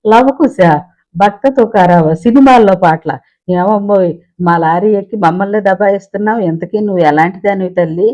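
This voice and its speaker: A man's voice: high-pitched, expressive, quick pace, mellow, muffled recording, pitched above the performer's own voice. A man voicing a brash, teasing young lorry cleaner who mocks and jokes. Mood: mocking. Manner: cheeky, mocking banter.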